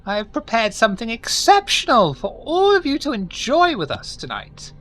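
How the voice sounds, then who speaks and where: High-voiced, very animated old grandmother acted by a woman, a doting vampire hostess for tabletop play, fussy and effusive. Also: normal speed, a little hiss or hum. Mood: delighted, welcoming. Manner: effusive, fussing, repeats words.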